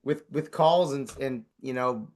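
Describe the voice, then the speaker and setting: A man's voice: mid-range voice, a little slow. A man leading a casual group coaching call, upbeat and encouraging, who swears casually and invites others to speak.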